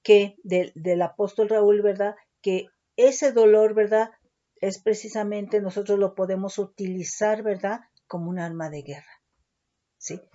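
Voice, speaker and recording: A woman teaching the Bible slowly and carefully, who keeps checking in with her listeners with short questions. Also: medium pitch, steady tone, dark tone. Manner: keeps asking ¿verdad? and ¿sí?. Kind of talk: slow Bible teaching with word studies. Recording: dull lo-fi recording.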